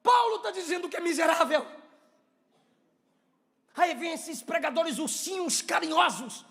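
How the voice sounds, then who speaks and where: A man with a Brazilian Portuguese accent preaching a sermon, swinging from hushed storytelling to shouted preaching. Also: very high voice, lively intonation, unhurried, vocal fry. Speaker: pastor.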